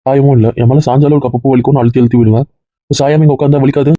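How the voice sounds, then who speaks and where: A man voicing a fiercely protective young husband in a family drama, talking in a brisk, emphatic, scolding way. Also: mid-range voice, steady tone, dry recording, lightly acted. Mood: firm. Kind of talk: Tamil family drama dialogue. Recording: dull dry lo-fi recording.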